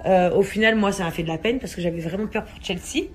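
A young woman, a mother and vlog host, casually telling a story to camera with many hesitations and animated quoted dialogue. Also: medium pitch, fast, soft background music.

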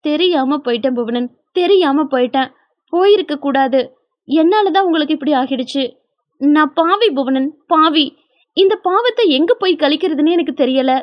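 A distraught young wife who pleads and trembles as she speaks, as a woman narrator puts her on. Her voice is high and shaky, with a frantic edge. The storybook audio is dry and close. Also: expressive, moderate pace, dry recording, highs cut off. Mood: pleading.

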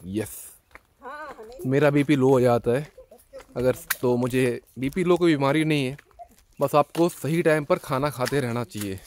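A man in his thirties, a travel vlogger, talking casually to a camera he holds at arm's length as he walks a hill path and crawls into a narrow dark cave. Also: medium pitch, measured pace, slight background noise. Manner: chatty, talks to the camera while walking. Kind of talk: casual travel vlog narration. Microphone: handheld camera at arm's length.

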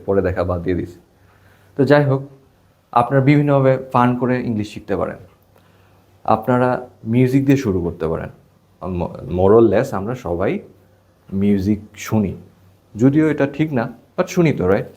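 A man's voice: on the low side, expressive, moderate pace, pauses often, darkish tone. A young man with a Bangladeshi Bengali accent, teaching an English class in a casual, joking way and mixing English phrases into his talk. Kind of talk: classroom lesson.

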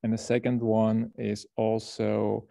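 The speaker is a Belgian man addressing a workshop over a video call; his gravelly, dark voice is fairly low, slow, and completely flat. He gives long explanations and a story, now and then repeating words, and the close, dry audio has no echo.

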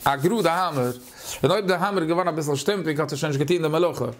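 A man with a Yiddish accent teaching a Talmud class, talking haltingly, repeating words and using many fillers. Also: on the high side.

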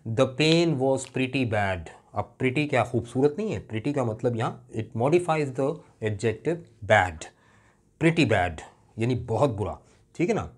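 A middle-aged man, teaching English grammar in a classroom lecture. He asks questions and answers them himself, and reads out example phrases slowly. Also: mid-range voice, lively intonation, husky. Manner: explains patiently, asks and answers his own questions; often adds a checking "right?" aside. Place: classroom with a board.

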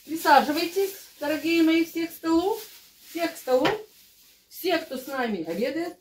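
A woman's voice: very high voice, moderate pace, a little hiss or hum. An older woman hosting a home vlog in her kitchen, chatting casually and fondly with her guests. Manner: warm fussy hostess, affectionate diminutives. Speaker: vlog host, grandmother.

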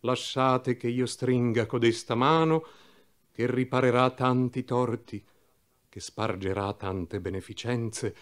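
A man's voice: mid-range voice, close to an everyday voice. A man reading an old, fervent cardinal. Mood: tender. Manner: impassioned, pleading oratory. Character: elderly fervent cardinal, gentle and loving.

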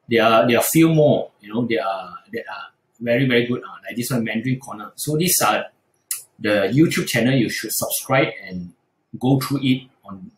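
Man, mandarin tutor, hesitant, lots of fillers, echoey room, mid pitch. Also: normal speed. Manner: hesitant, frequent fillers and restarts. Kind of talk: screen-recorded tutorial explanation.

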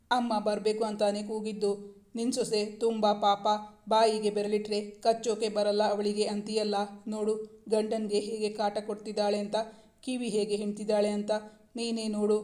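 A woman's voice: mid-range voice, monotone, normal speed, a little mellow, close to an everyday voice. A woman voicing a playful, teasing young husband in a romance story read aloud. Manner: teasing, coaxing.

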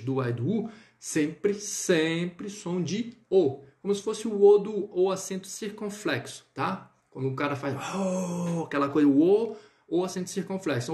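Guy teaching french live online, kinda high voice, keeps checking in on viewers. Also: dark tone. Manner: encouraging, checks in with viewers often.

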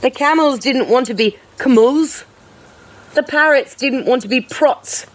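A woman reading a children's picture book aloud in a lively, playful way. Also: high-pitched, a little slow. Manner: lively, playful, occasional laughs. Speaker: storyteller.

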